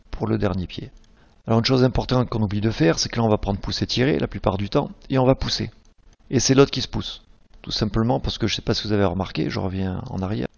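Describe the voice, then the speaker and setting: A man teaching a screen-recorded software tutorial, patiently explaining each click step by step. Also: lowish voice, creaky, muffled recording.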